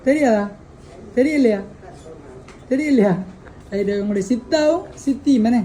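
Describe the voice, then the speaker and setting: A woman's voice: fairly high pitch, a little slow, dark tone, slight background noise, low-quality recording. A woman hosting a birthday surprise delivery, coaxing a child with repeated questions.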